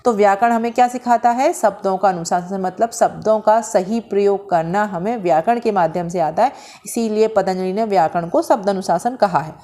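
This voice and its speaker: A woman teaching a Sanskrit grammar lesson from handwritten notes. She explains slowly, mixes English terms into her Hindi, asks questions and answers them herself, and draws out vowel sounds when she demonstrates them. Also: mid-range voice, dark tone.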